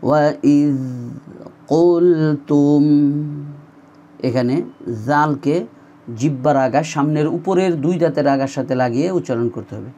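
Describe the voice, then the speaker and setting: A man with a Bangladeshi Bengali accent teaching a word-by-word Quran recitation lesson. He explains pronunciation points, then recites the Arabic words slowly and drawn out. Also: medium pitch, mellow, slightly rough.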